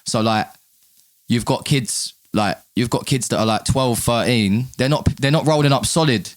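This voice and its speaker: A man's voice: medium pitch, moderate pace. A man with an urban London roadman accent and slang, talking candidly and casually as a podcast guest, often repeating his words. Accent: London, urban street. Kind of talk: casual chat.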